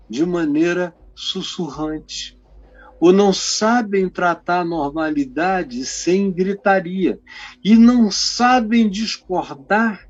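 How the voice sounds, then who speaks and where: An older man from the Amazon giving a conversational devotional talk, animated and sometimes dropping to a whisper, speaking into a phone microphone. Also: high-pitched, dull audio. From Amazonas, Brazil. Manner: conversational, animated, drops to a whisper to make a point. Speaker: preacher.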